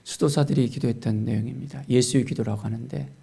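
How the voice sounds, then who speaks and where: A male pastor preaching a dawn prayer sermon, rising to loud pleading prayers and dropping to hushed whispers. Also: medium pitch, fairly even intonation, fast, creaky, breathy edge.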